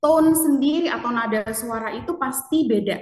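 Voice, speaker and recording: A woman's voice: on the high side, moderate pace, darkish tone, echoey room, far from the mic. A woman presenting a casual marketing lecture, chatty, often asking the audience questions.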